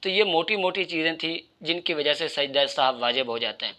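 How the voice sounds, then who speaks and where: A man's voice: on the high side, expressive, brisk, sharp tone. A man giving religious instruction in a methodical, explanatory way, addressing his listeners directly. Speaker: Islamic religious teacher.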